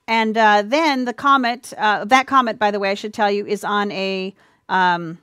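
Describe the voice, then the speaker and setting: A woman's voice: a little high, a bit bright, clear, resonant tone, no echo, clean studio sound. Earnest woman teaching a Bible lesson. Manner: earnest, addresses listeners as dear ones, some fillers and restarts. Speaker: presenter of a church teaching. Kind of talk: sermon-style Bible teaching with slides.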